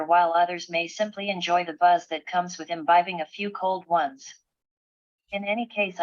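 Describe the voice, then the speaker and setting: A synthetic female text-to-speech voice reading as a sarcastic chatbot robot in a flat, even robotic way, played back from a computer. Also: lowish voice. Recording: dull lo-fi playback from a computer.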